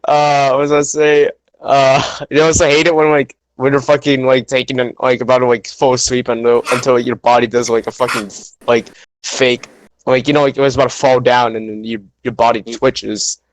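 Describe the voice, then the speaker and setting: A man's voice: medium pitch, flat delivery, normal speed, no echo, rough recording. A young man chatting casually on a podcast, rambling with lots of fillers. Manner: rambling, heavy filler words. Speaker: podcast co-host. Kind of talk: casual chat.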